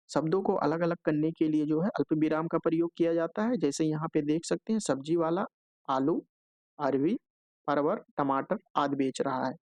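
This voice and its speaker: Gravelly, higher-voiced man teaching exam prep. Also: a little mellow, no echo. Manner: explanatory, repeats filler "jo hai" often; checks in with "theek hai" between points.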